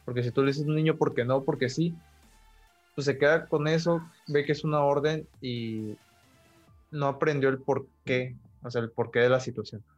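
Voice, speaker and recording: A man's voice: medium pitch, steady tone, normal speed, dry recording, muffled recording, soft background music. A man in casual podcast talk, thoughtful and full of filler words. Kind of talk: casual conversation.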